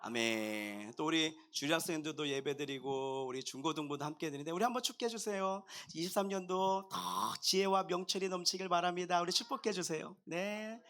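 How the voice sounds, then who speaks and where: A man preaching a sermon as pastor, talking straight to his congregation in a jovial, animated way. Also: high voice, brisk, few pauses. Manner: addresses the congregation directly.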